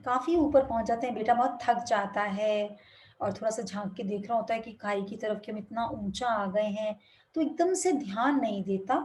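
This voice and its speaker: A woman giving a spiritual talk over a video call, narrating a moral story gently and expressively. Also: on the high side. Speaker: spiritual speaker.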